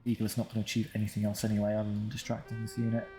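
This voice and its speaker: Over background music, a man with a fairly low voice talks rapid-fire in a completely flat tone. He's a gaming video creator commentating his own strategy game playthrough, casual and understated, thinking aloud and addressing his units dryly.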